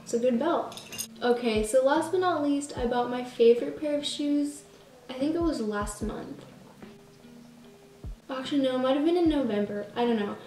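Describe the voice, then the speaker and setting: A woman's voice: high-pitched, moderate pace, pauses often, warm tone, far from the mic, soft background music. A teenage girl chatting through a clothing try-on haul, bubbly and chatty with self-mocking asides. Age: teens. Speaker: vlogger. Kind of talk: casual try-on haul chat. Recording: roomy sound from off the mic.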